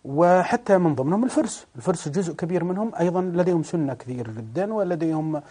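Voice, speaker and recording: A male studio guest gives political commentary in a measured, halting way, with many fillers. His voice is husky and dark. He sits slightly high in pitch. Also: expressive.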